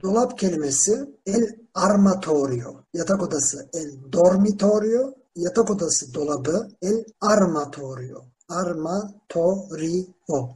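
A teacher giving a slow Spanish lesson in a classroom, spelling words out letter by letter with town names and repeating verb forms. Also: medium pitch, lively intonation, a little mellow. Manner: drills verb forms slowly and repeats them. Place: classroom with students.

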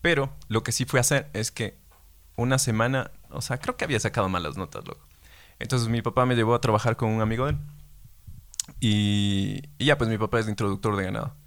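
A man's voice: lowish voice, fairly quick, fairly bright tone. A man with an Ecuadorian accent chatting casually on a podcast, using lots of slang and telling a story about his first job. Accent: Ecuadorian Spanish. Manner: slangy, laughs along, tells his own story. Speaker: podcast co-host. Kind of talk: casual comedic chat.

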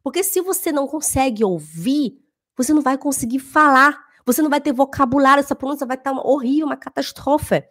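A woman's voice: high-pitched, fast, a bit bright. A woman, a German teacher talking casually to camera, emphatic and repeating phrases for stress.

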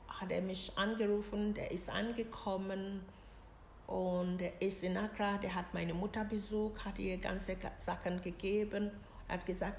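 A middle-aged woman from Ghana, a mother telling a personal story in halting, broken German full of pauses and fillers. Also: mid-range voice, vocal fry, a little mellow. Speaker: interviewee, mother of the host. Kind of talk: personal story told in conversation. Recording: roomy echo with faint noise.

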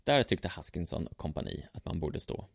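Male narrator for a history tale, sardonic and dry, low gravelly voice. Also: sing-song, dry recording. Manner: sardonic, ironic. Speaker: storyteller.

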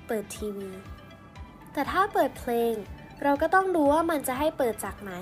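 A woman with a high voice explains English usage in a scripted lesson. She speaks patiently and politely. Faint music sits underneath her. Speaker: English teacher presenter.

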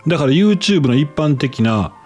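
A man with an Osaka-area Kansai accent chatting casually as a co-host, with blunt, quick interjections and quips. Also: fairly high pitch, animated, a little mellow, soft background music. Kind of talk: casual bantering chat.

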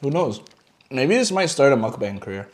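Relaxed young man, podcast guest. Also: mid-range voice. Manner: relaxed, measured, trails off with fillers; talking while eating spicy wings. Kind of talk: casual chat.

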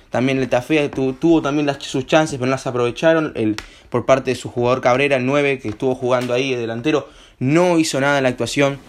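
A young man with an Argentine accent, slightly hoarse, hosting a casual home-made radio show in a rambling, slangy way full of filler words. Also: mid-range voice. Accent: Argentine Spanish. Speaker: host.

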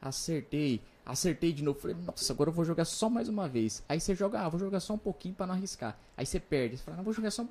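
Fast-talking young man with a mellow voice. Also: fairly high pitch, expressive. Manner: explains with quick asides and examples. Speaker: guest, crypto investor. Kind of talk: casual podcast chat.

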